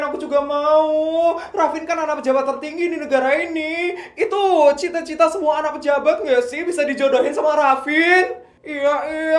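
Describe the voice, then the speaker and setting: A woman voicing an envious, excitable rich girl friend who squeals. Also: sits high, pitched above the performer's own voice, close to an everyday voice. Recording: roomy echo, faint music behind.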